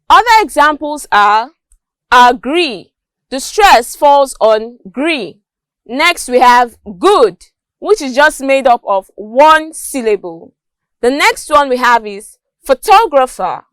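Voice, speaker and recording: A woman teaching English word stress in a scripted lesson, reading word lists carefully and clearly. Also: fairly high pitch, a bit bright, no echo.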